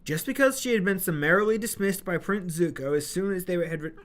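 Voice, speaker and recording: In these blooper outtakes, a hiccuping young woman keeps restarting her audio drama narration and slipping into rambling, slightly exasperated asides between scripted lines. She speaks a little fast in a voice on the low side.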